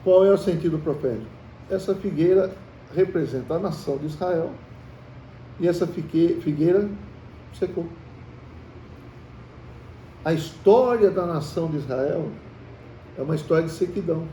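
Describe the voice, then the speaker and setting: Heard from far off in an echoey room with a faint hiss, this Brazilian Portuguese-accented man runs a Bible study in a chatty style, questioning the group and addressing them as brothers. He has a warm, fairly high voice, speaks at a normal speed, and pauses often.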